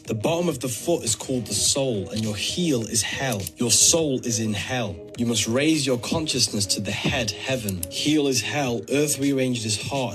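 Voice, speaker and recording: A man reading a scripted voice-over in a steady, declarative way. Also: medium pitch.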